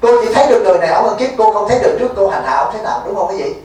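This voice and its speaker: A man's voice: high-pitched, big pitch swings, racing, a little mellow. A man, a Buddhist monk giving a folksy dharma talk at a retreat, teasing and quizzing his listeners. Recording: echoey hall, mic far off, faint noise.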